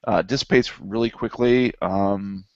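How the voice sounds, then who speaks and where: A man co-hosting a casual beer review show, talking in a relaxed, rambling way with many fillers. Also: lowish voice, measured pace, no room sound, muffled recording. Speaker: beer review podcast co-host. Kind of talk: casual beer tasting chat.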